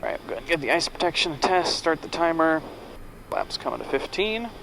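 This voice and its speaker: Talking over his pilot headset, this man sounds on the high side, animated and brisk, with vocal fry and a pushed, bright quality. He's a pilot and vlog host casually describing his work in the cockpit. The rough recording carries faint cockpit sound and aircraft cabin noise.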